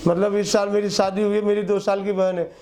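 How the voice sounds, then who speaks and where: A man talks movies in an easy, earthy chat. His voice sits high, and he speaks bluntly and forcefully, with crude slang thrown in. A faint hiss lies under the recording. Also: flat delivery, fairly quick. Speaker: co-host of a film review chat. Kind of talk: casual chat.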